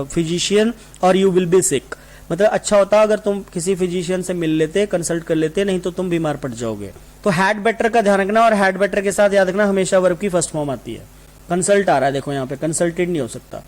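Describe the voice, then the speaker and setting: A man runs an online exam-prep class. His voice sits fairly high for a man. He moves between Hindi explanation and slow, deliberate readings of the answer sentences. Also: darkish tone. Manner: explains in Hindi mixed with English, reads answer sentences slowly. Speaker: English teacher for exam coaching.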